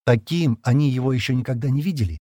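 A man narrating a science fiction story in an expressive, dramatic reading. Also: mid-range voice, fast talker, no echo, clean studio sound. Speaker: audiobook narrator. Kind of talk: scripted sci-fi narration.

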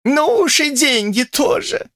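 Brief: old village crone, read by a man, mumbling, high, swooping, grumbling storybook voice. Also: big pitch swings, takes it slowly, vocal fry, a bit bright, no room sound, studio quality, heavily acted. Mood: grudging. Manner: toothless mumble, lamenting and cursing.

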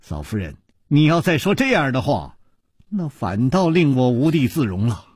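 A man's voice: medium pitch, very animated, normal speed, darkish tone, breathy edge, no echo, clean studio sound. A man voicing an easygoing, gracious wandering hero who talks modestly and chuckles.

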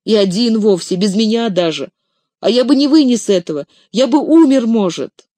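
A reader voicing a devoted, excitable young male hobbit servant who pleads in shrill, tearful outbursts. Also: moderate pace, dry recording, natural voice. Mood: pleading. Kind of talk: audiobook character reading.

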